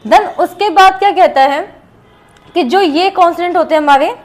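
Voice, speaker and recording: A woman's voice: very high-pitched, moderate pace. An Indian woman teaching a shorthand lesson, explaining rules step by step and repeating each example aloud.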